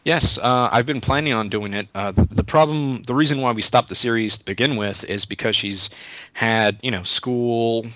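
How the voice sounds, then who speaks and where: A man's voice: mid-range voice, moderate pace, pushed and bright. A young man answering interview questions in a casual, rambling way, often restarting his sentences. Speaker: YouTube Let's Play creator, interview guest.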